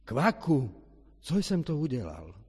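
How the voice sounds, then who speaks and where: Man voicing a showy storybook toad, husky, lively delivery, church echo. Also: lowish voice, full character voice. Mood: anxious. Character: proud male toad showing off on a dream stage. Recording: reverberant church hall.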